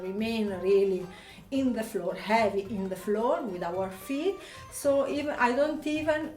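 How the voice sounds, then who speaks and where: A woman's voice: a little high, a little mellow. A woman with an Italian accent, whose first language is Italian, teaches a belly dance lesson and calls out counts and step cues as she dances. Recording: echoey room, distant mic, faint music.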